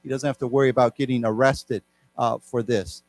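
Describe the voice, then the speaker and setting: A man's voice: mid-range voice, fairly even intonation, fairly quick. A man, raised in Taiwan, teaching a live English class, explaining words and having the class repeat them. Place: lecture room.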